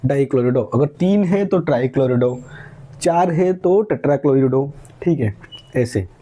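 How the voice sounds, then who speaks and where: A man's voice: medium pitch, animated, moderate pace, warm tone. A man teaching a chemistry lesson, explaining step by step and answering his own questions, mixing English words into Hindi. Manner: adds "ठीक है?" after each point. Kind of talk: classroom lecture.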